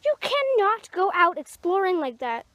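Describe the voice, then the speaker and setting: Protective widowed mother rabbit played by a woman, anxious scolding tone, high voice, dry close recording. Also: very animated, normal speed, a bit bright, no echo, exaggerated voice. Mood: scolding, tender.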